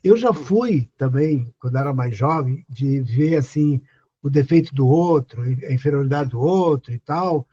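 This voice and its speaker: A man's voice: medium pitch, expressive, measured pace, warm tone, slightly rough, highs cut off. An older man, hosting a live stream and giving earnest, casual advice, often asking the listener questions. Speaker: host.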